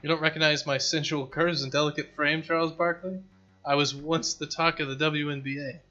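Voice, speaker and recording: A man's voice: on the high side, little pitch movement, a little fast, bright, forceful tone, muffled recording, soft background music. A man voicing a vain, theatrical older woman, a faded basketball star living in hiding. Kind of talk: reading game dialogue aloud.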